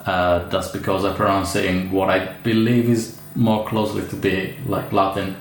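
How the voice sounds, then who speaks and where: A man with an Italian accent talks through an orchid unboxing in a hesitant, chatty way, full of fillers and restarts. His voice sits low and gravelly. The room is echoey, with faint ambient noise behind him. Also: level tone, normal speed. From Italy. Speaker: orchid grower. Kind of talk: casual unboxing vlog.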